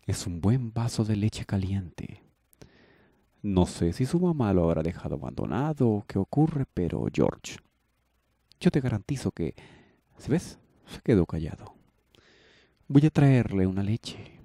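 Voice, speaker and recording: A man voicing a gentle, tender rich young man who soothes and cares for others. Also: on the low side, dry recording, studio quality, full character voice. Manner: soothing, affectionate, indignant at injustice.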